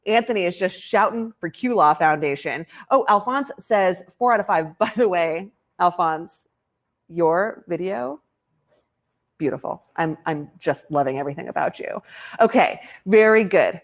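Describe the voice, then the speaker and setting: A woman hosting a virtual fundraiser banquet over a video call, gushing and playful with quick asides. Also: lowish voice, lively intonation. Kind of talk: upbeat emcee patter.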